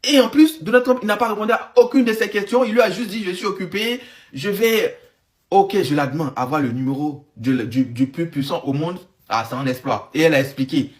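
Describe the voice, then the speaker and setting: Sarcastic male vlog commentator, slightly high voice, rambles. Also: a little fast, few pauses, a little mellow. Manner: rambling, sarcastic, lots of restarts. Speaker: online commentator.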